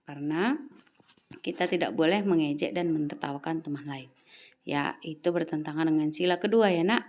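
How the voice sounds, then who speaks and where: A woman teacher giving a recorded lesson to young pupils, reading out numbered lists and talking to them patiently. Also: low-pitched. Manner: patient, addresses pupils as "Nak", reads lists aloud.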